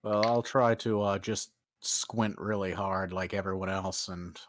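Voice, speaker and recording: A man's voice: sits low, steady tone, a little slow, a bit bright, a little hiss or hum. A man playing a tabletop game who asks the game master questions and hesitates often. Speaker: player. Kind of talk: casual tabletop play.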